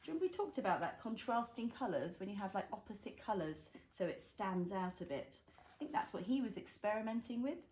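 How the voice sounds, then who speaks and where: A woman's voice: mid-range voice, sing-song, brisk, a little mellow. A woman reading a picture book aloud to a young child, adding chatty, encouraging asides and questions. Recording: roomy echo, clear background noise and clicks.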